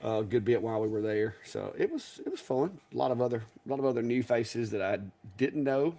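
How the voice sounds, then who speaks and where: This co-host of a live stream speaks at a medium pitch, sounding animated, brisk and mellow. His casual chat rambles in a folksy style, full of restarts and little chuckles.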